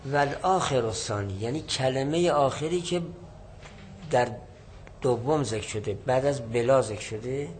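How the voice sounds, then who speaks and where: A man's voice: medium pitch, pauses often, darkish tone, slight background noise, poor audio. A man teaching a lesson, reading a classical text and explaining it line by line, repeating and rephrasing points. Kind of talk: lecturing on a classical Arabic text.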